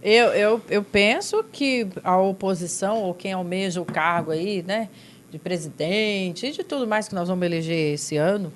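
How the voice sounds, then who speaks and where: A woman's voice: medium pitch, normal speed, slight background noise. A Brazilian woman hosting a podcast discussion, speaking in a sardonic, conversational way. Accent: Brazilian Portuguese. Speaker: podcast host.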